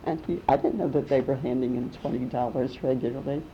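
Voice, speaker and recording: Older lady telling old family stories, low dark voice, muffled recording w/ faint rumble. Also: fast. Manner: rambling, warm storytelling with restarts and small laughs. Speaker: interviewee. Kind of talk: oral history reminiscing.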